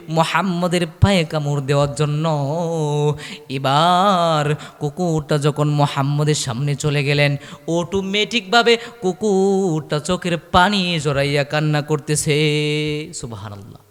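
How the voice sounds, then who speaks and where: A man preaching a sermon, telling a story in a chanted, repetitive way with loud exclamations. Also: a little high, unhurried, long reverb tail, soft background music. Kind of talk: Bengali waz sermon storytelling.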